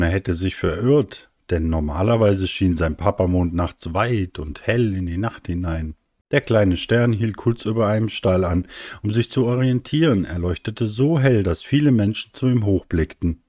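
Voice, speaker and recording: Gentle low-voiced male storyteller. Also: no echo, clean studio sound. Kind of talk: bedtime story reading.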